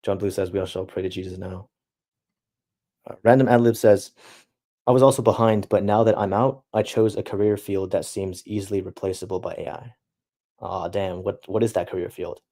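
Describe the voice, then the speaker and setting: A young man streaming, reading out chat messages and answering them in halting, reflective casual talk. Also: low voice, fairly even intonation, dark tone. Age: young adult.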